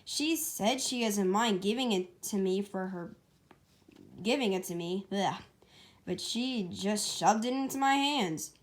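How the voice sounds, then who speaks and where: A woman's voice: medium pitch, measured pace, natural voice. A woman voicing a young male hedgehog in an amateur storybook read-aloud, easygoing, puzzled and kindly, in a casual way. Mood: confused.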